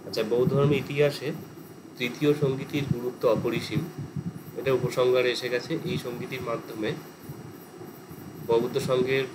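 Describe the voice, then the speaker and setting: A man's voice: medium pitch, flat delivery, moderate pace, pauses often. A male teacher with a West Bengal Bengali accent, lecturing in a class and explaining terms at length with English words mixed in. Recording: air conditioner hum behind.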